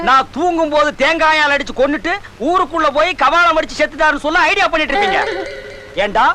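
A pompous scolding sorcerer. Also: male voice, extremely high pitch, slight background noise, heavily acted. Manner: loud theatrical scolding. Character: pompous boastful male sorcerer, scolding his plotting disciples. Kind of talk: film comedy dialogue.

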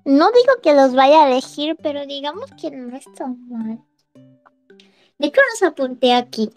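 A woman's voice: sits high, big pitch swings, moderate pace, darkish tone, faint music behind. A woman streamer chatting casually with her listeners, rambling and giggling often between phrases. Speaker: streamer hosting a live audio chat.

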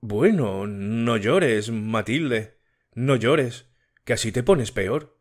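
An evasive young suitor with a brusque, dismissive edge, played by a male audiobook reader. The voice stays close to the reader's own, unhurried and mid-pitched. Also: expressive. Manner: curt, dismissive. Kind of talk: audiobook character reading.

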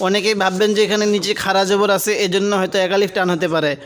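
High-voiced man teaching Quran reading. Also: level tone, fairly bright tone. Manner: spells each letter slowly, then recites drawn-out syllables; explains rules patiently, asks the viewer questions. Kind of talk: spelled-out recitation lesson.

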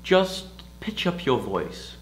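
A man's voice: mid-range voice, sing-song, slow pace, reverberant, poor audio. A man playing a voice coach in a mock documentary, explaining earnestly and giving instructions.

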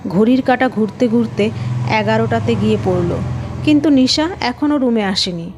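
A woman narrating a scripted first-person story with a steady, even reading. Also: a little high, moderate pace, background noise.

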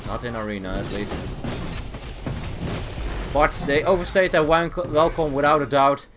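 A man's voice: a little high, moderate pace, very noisy. Chatty man commenting on gameplay. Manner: casual, chuckling, self-correcting play-by-play. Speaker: gaming channel host. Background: game music.

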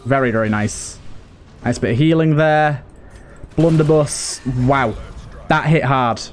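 With game music in the background, a man of medium pitch talks unhurriedly through a video game let's play. His commentary is casual and live, full of thinking aloud and remarks to the characters.

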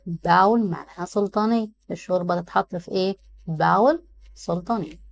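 This woman, an English teacher with an Egyptian Arabic accent, reads exam answer options slowly in English and then explains them in Arabic, speaking in a mid-range voice.

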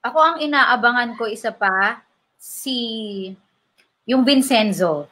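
A woman guest in a casual chat, talking in a lively way and mixing Tagalog with English. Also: on the high side, takes it slowly. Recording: home call with clear background noise. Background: a child shouting at home.

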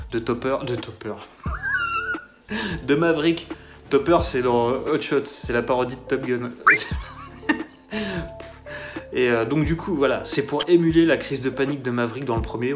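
A man giving a casual solo film review, sarcastic and mocking as he rambles along. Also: mid-range voice.

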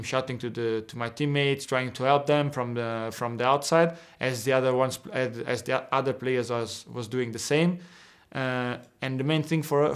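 Over a video call from an indoor locker room, a young footballer guest, Portuguese his first language, gives earnest answers to interview questions. His voice is mid-range, and he keeps restarting and repeating words.

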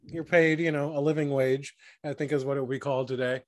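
A man's voice: medium pitch, steady tone, fast, dry recording, clean studio sound. A man hosting a podcast and interviewing his guests, thoughtful and hesitant with frequent "um"s. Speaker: podcast host and author.

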